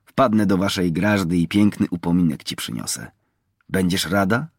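A man's voice: deep voice, normal speed, slightly rough, dry recording, clean studio sound. A man voicing a bold, proud young male poacher from the mountains, talking in a teasing, assured way. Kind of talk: audiobook character reading.

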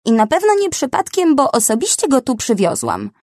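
A woman voicing a brave, eager young female rhinoceros who talks high and flustered. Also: wildly swooping pitch, moderate pace, darkish tone, no echo, clean studio sound, heavily acted. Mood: wary.

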